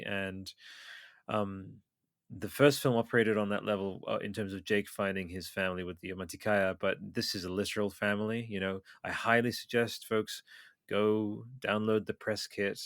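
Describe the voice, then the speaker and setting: Man, thirties, podcast host, enthusiastic, rambling, low-pitched, dry recording. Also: a bit bright, dry recording. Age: 30s. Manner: enthusiastic, rambling with many fillers. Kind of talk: casual chat.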